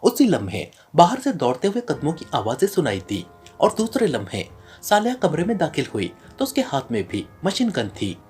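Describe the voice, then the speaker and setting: A man narrating a spy novel as an audiobook, in an expressive reading voice. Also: a little high, moderate pace, soft background music.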